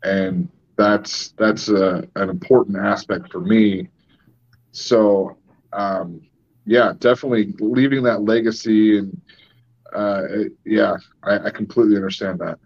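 A man's voice: lowish voice, steady tone, measured pace, gravelly, darkish tone, muffled recording. A man hosting a podcast, candid and self-deprecating, swearing casually. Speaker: podcast host.

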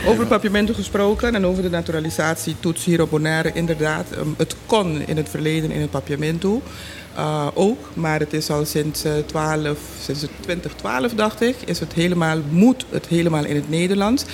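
A man explaining things informally as a panel guest, in halting, deliberate phrases. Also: fairly high pitch. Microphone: studio microphone. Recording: clear background noise.

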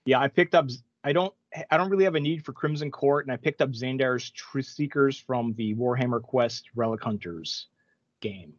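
A man's voice: medium pitch, normal speed, dry recording, lo-fi sound. A man co-hosting a gaming podcast, talking casually and rambling with many restarts. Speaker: podcast co-host. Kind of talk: casual chat.

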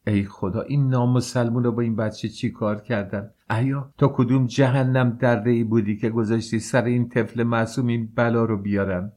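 A man's voice: medium pitch, steady tone, few pauses, darkish tone, lightly acted. A male narrator voicing a frightened, anguished noble mother in an audiobook, crying out in panic. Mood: distraught. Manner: panicked, pleading cries.

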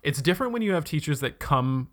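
A man's voice: a little high, lively intonation, fast talker, fairly bright tone. A man from Canada chatting casually about school, full of filler words and blunt swearing. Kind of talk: casual chat.

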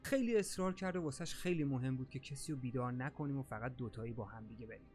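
A man's voice: mid-range voice, a little mellow, faint music behind. A man narrating a first-person creepy story in a casual, slangy way.

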